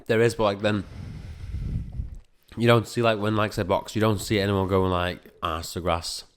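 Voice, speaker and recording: Being interviewed casually, the strength coach rambles and peppers his talk with fillers, swapping w for every r he can't pronounce. His fairly low voice is clear and resonant, flat in delivery, moving at a moderate pace.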